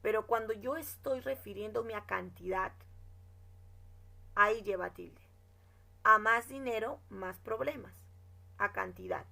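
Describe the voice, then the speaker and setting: A woman's voice: medium pitch, creaky, sharp tone. A woman teacher explaining grammar rules in a classroom lesson, reading example sentences and checking in with her students. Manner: explains slowly, checks with "¿no?" and "¿de acuerdo?"; reads example sentences aloud.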